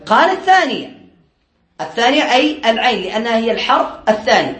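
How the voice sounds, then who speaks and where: A man teaching a classroom lesson on Arabic morphology to students, drilling word patterns by repetition, quizzing them with quick questions he answers himself, and joking lightly. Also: extremely high pitch, big pitch swings, a bit bright, roomy sound. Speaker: Islamic studies teacher.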